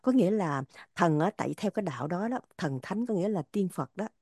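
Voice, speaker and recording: A woman's voice: on the low side, expressive, brisk, darkish tone, husky, dry recording, studio quality. A woman explaining religious poems in an earnest spiritual talk, repeating phrases for emphasis. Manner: earnest, repetitive, stressing words.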